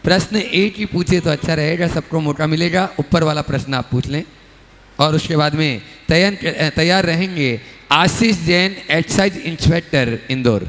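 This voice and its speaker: A man's voice: on the high side, normal speed, fairly bright tone. A man announcing the next questioners with formal introductions of names and titles. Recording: long hall reverb.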